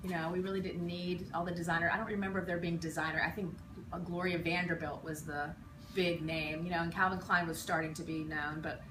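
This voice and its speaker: A woman's voice: fairly low pitch, flat delivery, brisk. A woman in her forties from western Pennsylvania, a teacher looking back on her school years in a casual interview, reflective and rambling with many ums and restarts. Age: 40s. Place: school building. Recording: echoey room, mic far off, noisy.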